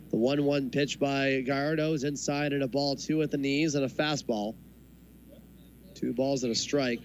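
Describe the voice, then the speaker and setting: A man doing live baseball commentary in measured, short phrases with pauses, as the play-by-play announcer. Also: mid-range voice, low-quality recording. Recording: clear background noise from a ballpark. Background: ballpark ambience.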